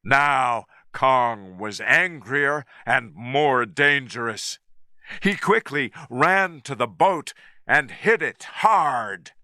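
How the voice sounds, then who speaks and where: A man reading a story slowly and clearly for English learners. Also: mid-range voice, pushed and bright, no echo, studio quality. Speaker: narrator.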